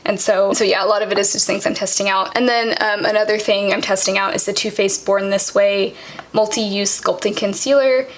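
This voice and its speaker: A young woman vlogger casually walking through her makeup products, chatty and quick, with lots of "um" and "like". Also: mid-range voice, fairly even intonation, slight background noise. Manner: fast, chatty, many fillers like "um" and "like". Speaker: beauty vlogger.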